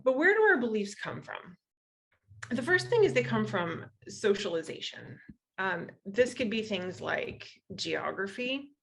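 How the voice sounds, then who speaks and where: With a gravelly, slightly bright mid-range voice, a woman from western Iowa speaks unhurriedly and with big pitch swings. She has an American accent and is guest lecturing in an explanatory public talk. Her style is conversational, with rhetorical questions to check in with listeners.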